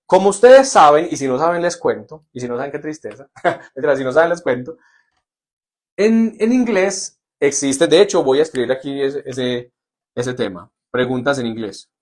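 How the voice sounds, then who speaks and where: A man's voice: mid-range voice, moderate pace. A man teaching English in a live online lesson, in an upbeat, joking manner that keeps checking on the class. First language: Spanish. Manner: lively, jokey, asks "¿listo?" often.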